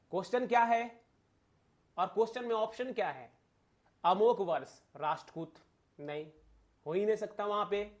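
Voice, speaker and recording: A high-pitched man with an Indian accent runs an exam coaching lesson, explaining emphatically, repeating his points and posing rhetorical questions.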